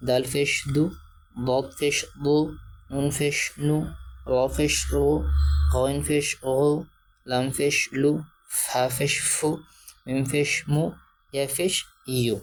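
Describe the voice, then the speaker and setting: A man's voice: fairly high pitch, level tone, takes it slowly, pauses often, slight background noise. A man teaching Quran reading, drilling Arabic letter sounds one by one and patiently explaining how each is pronounced. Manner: patient, explains pronunciation plainly. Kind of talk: step-by-step lesson.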